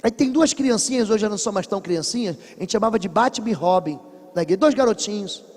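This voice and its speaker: High-voiced Brazilian preacher in a reverberant church. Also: male voice, lively intonation, fast. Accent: Brazilian Portuguese. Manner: emphatic storytelling preacher, swinging between hushed and loud. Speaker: pastor. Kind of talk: sermon.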